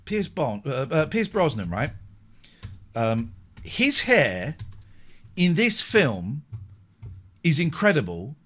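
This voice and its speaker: A male host of a live late-night show, talking casually and animatedly. His voice sits somewhat high and moves a great deal between high and low. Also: takes it slowly, pauses often. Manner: animated, chatty, self-mocking. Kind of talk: casual live-stream radio chat.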